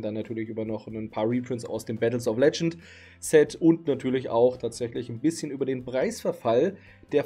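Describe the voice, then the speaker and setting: Speaking in a warm, mid-range voice with a slight roughness, a thirty-something man offers casual card market commentary to camera. He sits in his home streaming room late at night, sounding tired, and keeps his relaxed chatter loaded with fillers.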